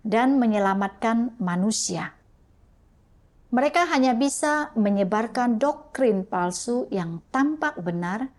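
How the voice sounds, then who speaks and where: A woman preaching a sermon in a slow, deliberate way. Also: on the high side.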